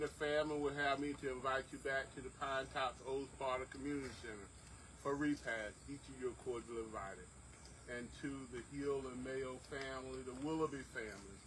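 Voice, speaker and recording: A man's voice: medium pitch, fairly even intonation, fairly quick. A man speaking as a funeral director, making formal, courteous ceremonial announcements at an outdoor graveside service. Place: outdoors at a cemetery under a tent. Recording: noisy outdoor camera recording.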